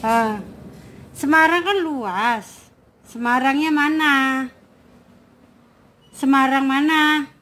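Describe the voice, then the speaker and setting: A woman's voice: high-pitched, takes it slowly, long pauses, fairly bright tone, slight background noise. A young woman from Brebes in Java, a caregiver patiently repeating her questions in casual chat. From Brebes, Central Java, Indonesia.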